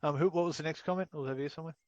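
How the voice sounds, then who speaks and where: A man's voice: on the high side, steady tone, rapid-fire, no echo, dull audio. Blunt, sweary male instructor over voice chat. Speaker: training instructor.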